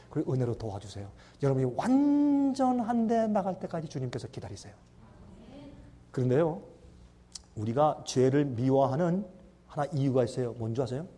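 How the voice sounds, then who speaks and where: A man preaching a sermon with lots of energy, acting out voices and swinging between loud and hushed speech. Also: medium pitch. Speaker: pastor.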